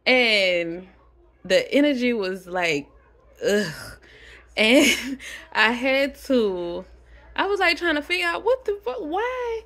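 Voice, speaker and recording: A young adult woman vlogging, telling a casual story to camera, animated and chatty, swearing freely. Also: fairly high pitch, takes it slowly.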